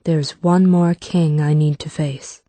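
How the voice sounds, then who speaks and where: A man's voice: fairly high pitch, steady tone, slow, warm tone, dry recording, voice pushed up. A man voicing a blunt, determined young woman warrior in an audiobook, speaking earnestly and directly. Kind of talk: audiobook character voice.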